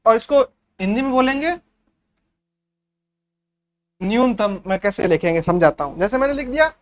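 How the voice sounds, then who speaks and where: Man, high voice, maths teacher, patient step-by-step explaining, keeps checking pupils follow. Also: expressive, quick pace. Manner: keeps checking the class understands. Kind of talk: revision class for young pupils.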